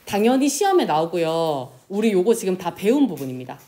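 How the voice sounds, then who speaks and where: Animated woman teacher lecturing a class. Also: on the low side. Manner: lively, pronounces example words slowly and drawn out; asks the class questions and answers them herself. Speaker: Korean language teacher.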